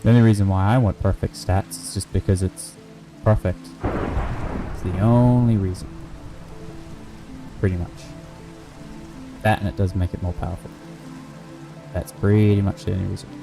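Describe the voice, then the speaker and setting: A young man casually commenting on his live game stream, rambling and thinking aloud with excitable bursts. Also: deep voice, moderate pace, creaky, pauses often, over music, low-quality recording.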